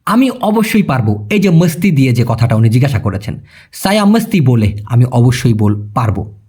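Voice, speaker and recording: A man's voice: medium pitch, very animated, moderate pace, a little mellow, slightly rough. A young Bangladeshi man giving a casual video lesson, chatty, calling viewers brother and checking that they follow. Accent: Bangladeshi Bengali. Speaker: language teacher.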